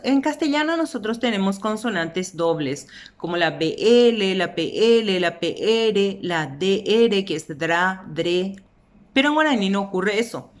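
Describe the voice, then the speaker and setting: A woman with a Paraguayan Spanish accent teaches with a patient, very slow delivery. She draws out each example word so learners can follow, at a middle pitch. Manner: slow, deliberate, stretches out example words. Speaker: language teacher. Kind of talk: explanatory lesson.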